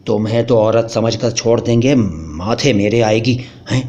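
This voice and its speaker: A man's voice: fairly low pitch, measured pace, lightly acted. Man doing a stammering frightened husband. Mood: pleading. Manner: stammering, hushed, panicky. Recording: dull lo-fi recording.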